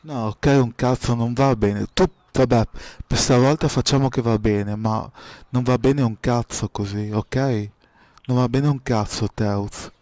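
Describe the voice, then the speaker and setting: A man improvising a farmer in a game roleplay, angry and swearing, at times shouting. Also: mid-range voice, unhurried, no echo. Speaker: roleplay farmer, channel host.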